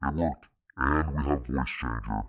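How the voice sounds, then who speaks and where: A man streaming live, his voice run through a deep, robotic voice changer that makes it morph and warble. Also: measured pace, dull audio. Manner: morphing, warbling pitch-shifted voice. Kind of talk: casual live-stream chat.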